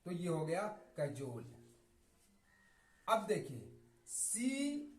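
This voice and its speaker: A male teacher giving a vocabulary lesson, spelling words letter by letter, asking questions and answering them himself, repeating each word slowly. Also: sits high, very animated, reverberant, rough recording. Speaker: English teacher.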